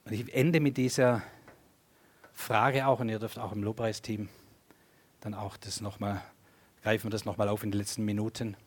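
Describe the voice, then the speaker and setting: A man preaching a sermon and leading prayer, addressing the congregation directly with sweeping rises and falls in pitch and loudness. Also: level tone, normal speed, pauses often. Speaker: pastor.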